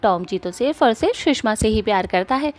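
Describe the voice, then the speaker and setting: A woman's voice: a little high, fairly quick. Woman narrating a cartoon story. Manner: plain, steady storytelling.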